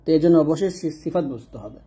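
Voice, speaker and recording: Guy teaching quran reading, high voice, kinda husky, goes over stuff twice and keeps asking "ok?". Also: expressive, very fast, dark tone. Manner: explains step by step, repeats points, checks understanding. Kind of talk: casual explanatory lesson.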